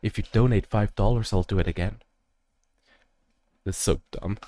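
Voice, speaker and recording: A man's voice: fairly low pitch, moderate pace, dark tone, no echo. Rambling young male game streamer. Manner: rambling, jokey, many fillers. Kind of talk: casual live-stream commentary.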